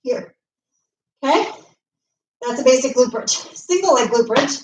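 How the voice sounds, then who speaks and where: A high-voiced woman coaches a home workout while doing the moves herself, short of breath as she counts off reps. She sounds a little far from the mic, in an echoey room. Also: lively intonation, measured pace, a little mellow, a little hiss or hum. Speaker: fitness coach. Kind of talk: live home workout instruction.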